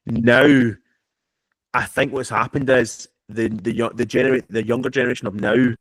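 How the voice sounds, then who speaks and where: A man's voice: mid-range voice, steady tone, moderate pace, no echo. Rambling chatty man, dry sound. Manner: rambling, lots of restarts, laughs while talking. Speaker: podcast guest or co-host. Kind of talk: casual chat about TV and film.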